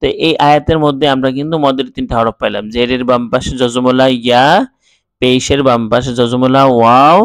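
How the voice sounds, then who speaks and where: A man teaching Quran reading, spelling out letters and vowel marks slowly and then explaining quickly. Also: mid-range voice, dry recording. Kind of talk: slow syllable-by-syllable recitation lesson.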